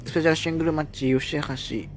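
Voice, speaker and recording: A man's voice: fairly high pitch, steady tone, quick pace, slight background noise. A man hosting a casual solo talk show, recounting events in a chatty way and sometimes mimicking what others said. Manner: chatty, recaps promos in a lightly mimicking tone. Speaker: podcast host reviewing wrestling shows.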